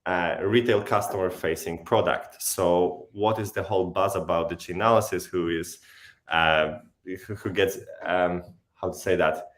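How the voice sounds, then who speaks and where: A male livestream host with a very deep, low voice. He talks haltingly, repeating words and restarting sentences as he searches for what to say. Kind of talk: livestream interview.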